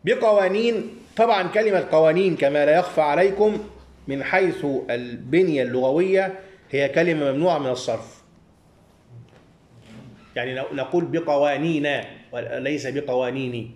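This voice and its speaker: A man's voice: a little high, a little fast, a little mellow, echoey room. A man with an Egyptian accent teaching a hadith studies class, leaving sentences open so his students can finish them. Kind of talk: classroom lecture with call-and-response.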